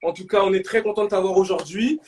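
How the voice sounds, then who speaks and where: A young man hosting a live stream in casual banter, slangy and bursting into shouts. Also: high voice, fast talker, background noise.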